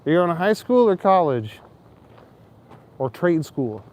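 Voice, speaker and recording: His pitch runs on the high side with big swings, and his delivery is unhurried and a little mellow. He's a man with an Ontario Canadian accent on a casual walking livestream in a city square in winter, rambling to chat, joking and frequently chuckling.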